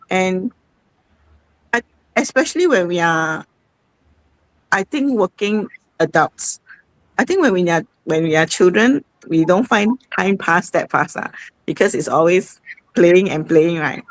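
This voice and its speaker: A woman with a lowish voice hosts an online sharing session, talking in a rambling, conversational way full of fillers. The recording is dry and rough.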